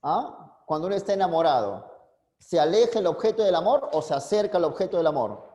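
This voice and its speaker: A man's voice: high voice, lively intonation, brisk, mellow. A man teaching a philosophy class online, constantly quizzing his students and coaxing answers from them. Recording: long reverb, echoey room.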